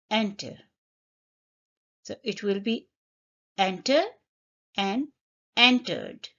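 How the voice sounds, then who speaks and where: A woman teaching an English grammar lesson, speaking deliberately, spelling out letters and repeating each example. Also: medium pitch. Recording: slightly dull lo-fi recording.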